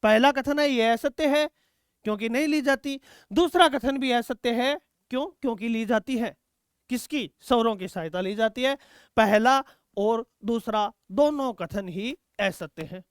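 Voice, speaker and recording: A man's voice: very high voice, unhurried, smooth, no room sound, clean studio sound. A male teacher taking students through exam quiz questions, asking questions and answering them himself and calling students "beta". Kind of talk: exam-prep quiz lesson.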